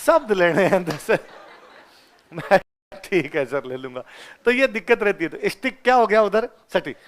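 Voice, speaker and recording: A young male teacher with a Ganganagar-area Rajasthani Hindi accent delivers his lecture through animated classroom stories. His voice sits fairly high, and he acts out the dialogue and laughs often as he talks. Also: moderate pace, slight background noise. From Rajasthan, India.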